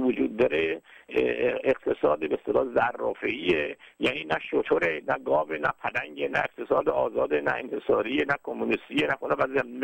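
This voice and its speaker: Man, very gravelly voice, dry close sound, formal measured political commentary. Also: medium pitch, dry recording, highs cut off. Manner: measured, formal, frequent hesitations. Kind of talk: lecture-style political commentary with slides.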